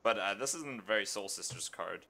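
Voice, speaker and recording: A young man co-hosting a card review, joking and bantering with quick stammered restarts. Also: on the low side, animated, vocal fry, a crowd in the background. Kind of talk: casual chat.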